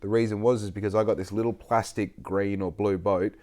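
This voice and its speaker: A man's voice: lowish voice, fairly even intonation, fairly quick, darkish tone. Sweary Australian man in his late twenties. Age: 20s. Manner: rambling and sweary, storytelling. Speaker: podcast host. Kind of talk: casual chat.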